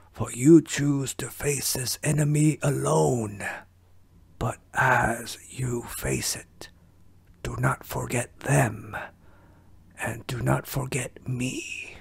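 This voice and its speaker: A man putting on Splinter, a gravelly old rat master, whispered role-play. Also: medium pitch, no room sound, exaggerated voice. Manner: slow, measured, fatherly teaching. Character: wise old male rat ninja master, calm and stern.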